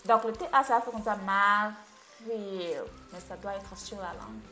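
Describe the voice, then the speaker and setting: A woman's voice: medium pitch, fast, a bit bright, soft background music. Playful woman English coach. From Côte d'Ivoire. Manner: playful, teasing. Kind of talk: video lesson.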